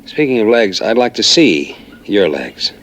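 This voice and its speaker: An actor playing a smooth-talking, predatory male recruiter in a TV drama, coaxing and insinuating. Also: on the low side, sing-song, a little slow, fairly bright tone, a little hiss or hum. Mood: coaxing, sly.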